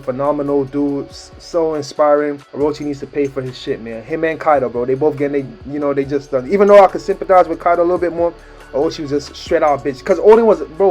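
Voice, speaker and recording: A man casually breaking down a manga chapter, excited and slangy with many fillers. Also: a little high. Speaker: anime reaction creator.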